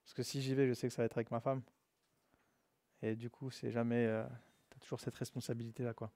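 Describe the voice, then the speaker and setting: A male web development instructor gives a casual live lesson to his trainees, relaxed and slangy, calling them "les gars." His medium-pitched voice moves a little fast. The sound is close and dry, with no echo.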